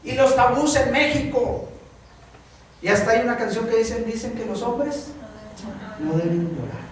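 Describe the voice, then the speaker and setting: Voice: mid-range voice, expressive, normal speed, a little hiss or hum. A preacher with a Mexican Spanish accent giving a sermon in a church hall, speaking in a repetitive, emphatic cadence. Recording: very echoey hall, mic far off.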